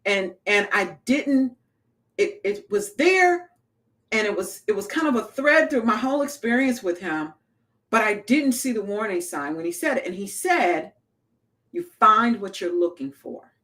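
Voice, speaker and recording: A woman giving a casual motivational talk to small business owners, telling stories in an animated way and acting out the voices she quotes. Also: medium pitch, moderate pace.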